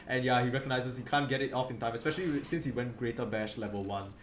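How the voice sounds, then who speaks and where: A man's voice: mid-range voice, fast talker, a crowd in the background. Tired, rambling male esports caster. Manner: rambling, self-correcting, filler-heavy. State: tired, yawning. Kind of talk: casual game commentary. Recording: echoey room with faint background noise.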